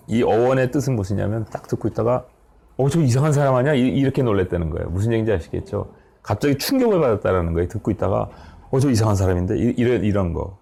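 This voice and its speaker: A man's voice: fairly low pitch, vocal fry, warm tone. A middle-aged man giving a conversational Bible study seminar, explaining step by step, often checking in with his listeners and correcting himself mid-word.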